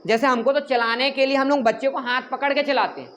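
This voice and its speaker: A male teacher, giving a classroom lecture in an animated, joking way and scolding students. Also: extremely high pitch, brisk, a little hiss or hum.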